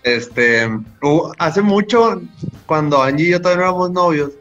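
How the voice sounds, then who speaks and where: Bright, forceful young man with a Mexican accent, spinning a rambling, slang-filled anecdote with many restarts. His voice comes through a dull, slightly lo-fi recording, with faint music underneath. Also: a little high, normal speed. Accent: Mexican Spanish. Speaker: podcast guest. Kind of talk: casual storytelling.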